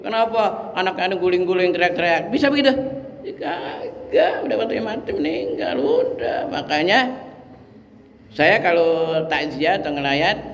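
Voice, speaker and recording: A man, preaching a lively, colloquial sermon that he acts out. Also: mid-range voice, slight background noise. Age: 60s. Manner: animated, colloquial and dramatizing. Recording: echoey hall, dull sound.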